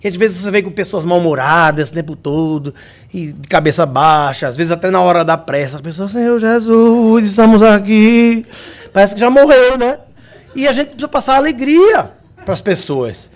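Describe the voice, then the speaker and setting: High-voiced Brazilian man giving a lecture. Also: lively intonation, a little fast. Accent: Brazilian Portuguese. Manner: anecdotal, good-humored storytelling. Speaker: spiritist lecturer. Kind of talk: humorous religious lecture. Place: lecture hall.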